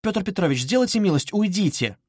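A man's voice: sits high, very animated, brisk, husky, no echo, clean studio sound, pitched above the performer's own voice, heavily acted. A man reading aloud voices a proud young woman who speaks curtly and firmly.

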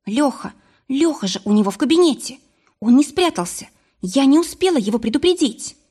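A woman reading a determined, excitable woman in a husky voice. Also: mid-range voice, normal speed. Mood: alarmed. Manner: reassuring, then exclaiming.

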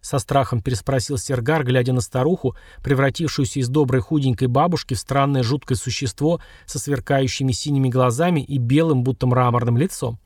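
A man's voice: mid-range voice, fairly quick, hardly any pauses, slightly rough, dry recording. Man reading a fantasy story, dry. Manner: steady storytelling. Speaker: audiobook narrator. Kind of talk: scripted narration.

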